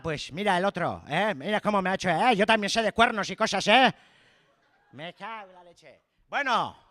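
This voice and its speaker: A comedian playing a cheeky, rambling Basque villager who speaks Spanish with a Basque accent, drops in Basque words and tags nearly every phrase with "eh?". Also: male voice, high voice, sharp tone, no room sound, studio quality. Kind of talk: comic character monologue.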